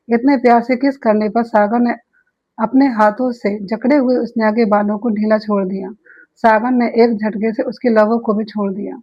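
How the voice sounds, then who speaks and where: A woman narrating a romantic story with an even, expressive reading. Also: fairly high pitch, muffled recording.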